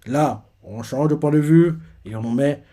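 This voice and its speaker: A man's voice: fairly high pitch, normal speed, dark tone. A man hosting a live reaction video, retelling a comic chapter loosely and wondering aloud between scenes. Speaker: manga reaction video host.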